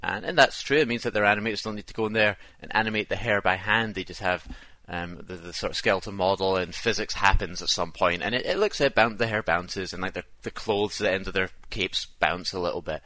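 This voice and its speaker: A man's voice: low voice, quick pace, hardly any pauses, bright, forceful tone, dry recording. A man co-hosting a casual podcast, chatty and rambling. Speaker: podcast co-host. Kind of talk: casual chat.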